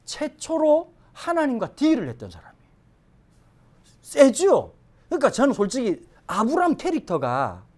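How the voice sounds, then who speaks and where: Animated male pastor preaching. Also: high voice. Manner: lively, conversational, joking asides. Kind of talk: Sunday sermon.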